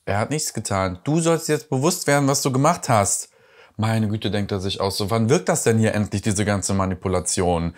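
A man's voice: on the low side, normal speed. A man hosting a reaction video, commenting on a reality show with sarcastic, mocking remarks.

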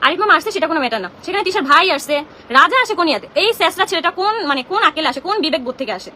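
A woman's voice: very high voice, animated, bright, forceful tone, a little hiss or hum. A young woman from Bangladesh ranting on a home live stream, agitated and confrontational as she addresses her critics directly. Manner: agitated, indignant, rapid-fire and confrontational. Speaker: social media content creator. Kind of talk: heated live-stream rant.

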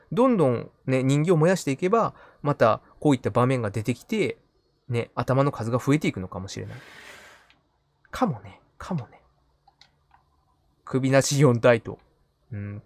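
Animated male game streamer. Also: medium pitch, no room sound. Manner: playful muttering to himself, repeating short phrases. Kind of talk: live gaming commentary, casual.

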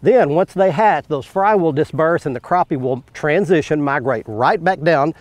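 Brief: middle-aged male fishing host, slightly high voice, dry close sound, teaching from a boat outdoors with quick excited asides. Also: dry recording. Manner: explanatory, bursts into excited asides on catches. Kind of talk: on-the-water fishing instruction.

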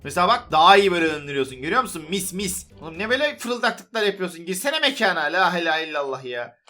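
Gaming YouTuber, male, very high and bright voice, excitable and teasing, music underneath. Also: quick pace. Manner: excitable, teasing, chatters to other players. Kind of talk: gameplay commentary.

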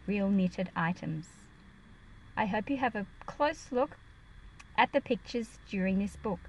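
This rough recording, carrying a little hiss or hum, has a woman of medium pitch reading a picture book to children, explaining as she goes and enunciating carefully in a teacherly manner.

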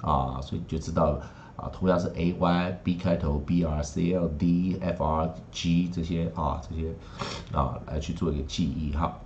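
Low-voiced man drilling English phonics. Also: fairly even intonation, a little mellow, a little hiss or hum. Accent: Taiwanese Mandarin. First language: Mandarin. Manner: drills words slowly, repeating each three times; chatty asides with tag particles. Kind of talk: recorded phonics lesson. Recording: slightly dull lo-fi recording.

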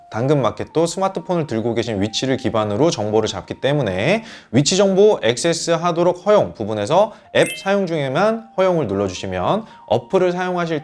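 A young man walks older viewers through a phone app, step by step, in a friendly tutorial voice. His pitch swings up and down in a lively way as he explains. He speaks to his audience as mothers and fathers. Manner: addresses viewers as mothers and fathers, lively rising and falling delivery. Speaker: host of a smartphone tutorial channel for parents.

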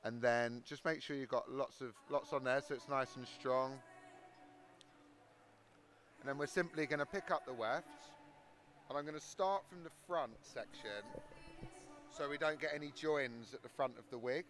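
A man's voice: mid-range voice, normal speed, pauses often, a bit bright. A man in his thirties with a South London accent, explaining his work as a hairdresser in an interview on a handheld microphone in a large hall. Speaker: hairdresser demonstrating his technique. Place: large exhibition hall backstage.

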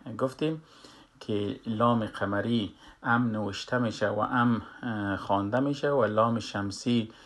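A man giving a slow spoken lesson on Quran recitation, pausing often and filling gaps with drawn-out hesitation sounds. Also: fairly low pitch, fairly even intonation, a bit bright. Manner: hesitant, many drawn-out fillers and pauses.

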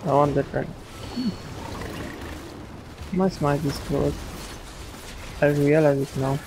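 Creaky gaming commentator. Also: medium pitch, steady tone, takes it slowly. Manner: chatty, mixes in Hindi phrases. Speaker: gameplay commentator. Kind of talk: casual gameplay commentary. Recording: noisy home recording.

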